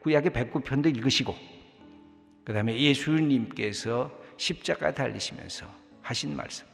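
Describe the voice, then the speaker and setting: Gravelly-voiced pastor preaching in a hall. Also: male voice, mid-range voice, normal speed. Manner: reads scripture loudly, then preaches softly and intimately. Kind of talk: sermon. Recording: long hall reverb, faint music.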